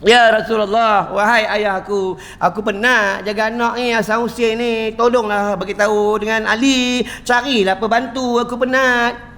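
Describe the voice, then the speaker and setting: A man's voice: sits high, steady tone, moderate pace, a bit bright. A man with a Malaysian accent voicing a weary young mother complaining she is tired of kneading dough and minding children. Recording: long hall reverb.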